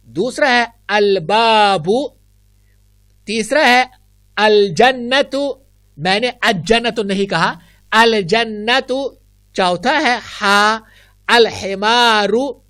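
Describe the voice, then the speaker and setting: A woman with a Kashmiri accent teaching an online Arabic lesson, drawing out each example word slowly and carefully. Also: mid-range voice, a bit bright, no echo, clean studio sound. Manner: slow, careful, drawn-out example words.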